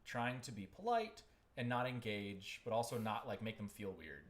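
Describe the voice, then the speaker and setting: A man's voice: on the low side, very animated, normal speed. A man in his thirties, a voice actor and audiobook narrator, telling a rambling story in casual chat. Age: 30s.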